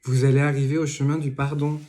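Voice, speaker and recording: This man talks fast, his medium-pitched voice barely moving in pitch, as he gives an easygoing card reading. He rambles with many fillers, asides and jokes. Noise and clicks run through the home recording of the spoken tarot session.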